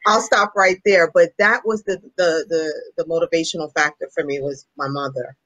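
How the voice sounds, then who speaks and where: Animated storytelling woman. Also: low-pitched, moderate pace, no echo, low-quality recording. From New York City (Brooklyn). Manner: lively storyteller, animated, conversational. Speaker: fashion brand panelist. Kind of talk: panel discussion.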